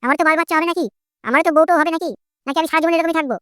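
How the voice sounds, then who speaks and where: A woman's voice: extremely high pitch, rapid-fire, a bit bright, no echo, clean studio sound. A woman voicing a sulky, bratty grown son in a cartoon, whining and complaining about his family. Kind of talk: comic Bengali cartoon voice acting.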